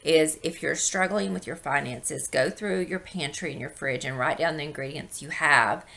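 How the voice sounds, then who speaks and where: A middle-aged woman with a hoarse, wheezy voice from a chest infection, talking in a casual, rambling, explanatory vlog style. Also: sits low, normal speed, a bit bright. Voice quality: wheezy, breathy intake from asthma. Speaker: video blogger.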